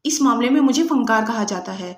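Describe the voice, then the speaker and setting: A woman's voice: a little high, lively intonation, echoey room, close to an everyday voice. A woman voicing a ruthless female agent who taunts her captive with cold sarcasm. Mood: sarcastic menace. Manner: mocking, sarcastic, menacing.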